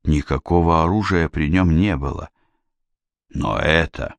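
A man narrating a fantasy audiobook in a measured, steady storytelling manner, close to the mic. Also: very deep voice, creaky, dry recording.

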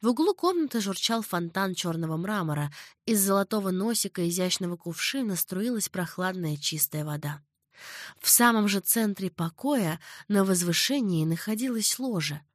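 A woman narrating an audiobook novel in a calm, measured reading voice. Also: medium pitch, no room sound, studio quality. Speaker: audiobook reader. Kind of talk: scripted narration.

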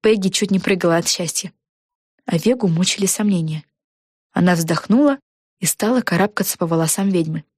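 A woman narrating a children's storybook, telling it in an even, clear way. Her voice sits on the low side. The recording is dry and close. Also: brisk, dry recording.

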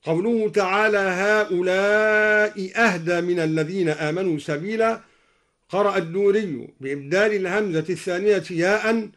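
Egyptian man, high voice, radio recitation teacher; quick explanations broken by slow chanted demos. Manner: alternates brisk explanation with slow chanted demonstrations. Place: radio studio.

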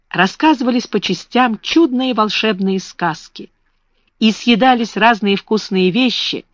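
An audiobook narrator reads a children's classic at an even, measured pace. The sound is dull and lo-fi, close with no room echo. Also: medium pitch. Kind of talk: audiobook reading. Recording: dull lo-fi dry recording.

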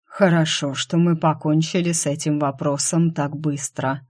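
Woman voicing a cold, calm Death. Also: deep voice. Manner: unhurried, even, cold.

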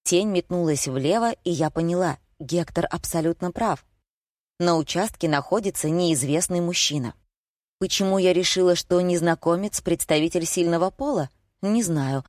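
Low-voiced woman narrating an audiobook. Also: moderate pace, no echo, clean studio sound. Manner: lively, expressive storytelling. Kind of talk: first-person audiobook narration.

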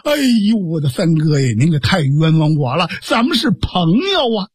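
A man's voice: a little high, sing-song, normal speed, slightly rough, no echo, clean studio sound. A man voicing a courteous, loyal imperial guard in traditional storytelling, earnest and pleading.

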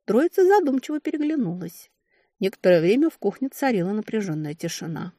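Expressive woman narrating an audiobook, dry. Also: mid-range voice, brisk, no room sound. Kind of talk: scripted narration of a fantasy novel.

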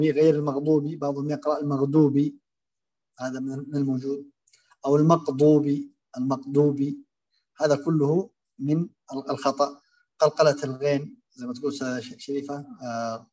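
A man teaching Quran recitation, explaining and demonstrating common pronunciation errors in a halting, filler-heavy way. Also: a little high, level tone, dark tone. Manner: hesitant, many fillers and restarts, demonstrates pronunciations aloud.

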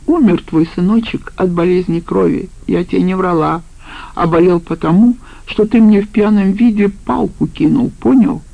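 A spiteful, scheming woman, as a narrator puts her on, sharp-tongued and brazen, her voice pitched higher. The tone is gravelly and the audiobook recording sounds dull. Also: moderate pace, dry recording. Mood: mocking. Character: spiteful scheming woman, the criminal's former partner.

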